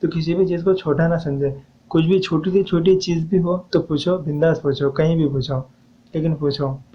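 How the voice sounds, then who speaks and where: A man's voice: a little high, fairly even intonation, normal speed, lo-fi sound. Man teaching poetic meter, diction. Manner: patient, repeats steps, urges viewers to ask questions. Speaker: poetry teacher. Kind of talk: explaining a lesson on poetic meter.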